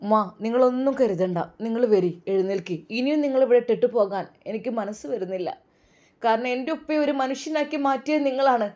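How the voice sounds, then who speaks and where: A woman's voice: fairly high pitch, brisk, warm tone, natural voice. A woman voicing a devoted young man who earnestly insists on protecting and caring for an older woman. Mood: urging, grateful.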